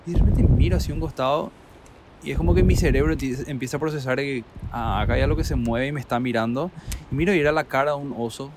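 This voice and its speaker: Man, casual storytelling, rapid delivery, lively quoting. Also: medium pitch, noisy background. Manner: animated, acts out quotes, laughs. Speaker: traveler telling a story.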